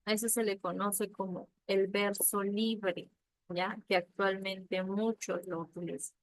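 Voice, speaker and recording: A woman's voice: mid-range voice, level tone, no echo, poor audio. Woman teaching a class, dry close sound. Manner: checks in often with a questioning "ya?"; explains slowly and patiently with examples. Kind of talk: recorded literature lesson.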